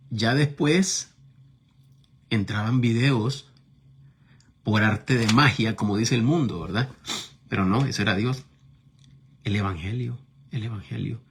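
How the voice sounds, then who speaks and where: A man's voice: on the low side, gravelly, slightly rough. A middle-aged man from Nicaragua with a Nicaraguan accent, preaching a sermon and telling a personal testimony in a conversational way, often checking in with his listeners. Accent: Nicaraguan Spanish. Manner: conversational, constantly checks in with tag questions.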